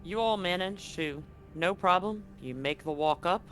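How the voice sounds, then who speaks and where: As game master, a man improvises narration for a tabletop game, laying out scenes for his players in an informal, direct way. His voice is high-pitched and fairly bright, at a normal speed, with soft music in the background.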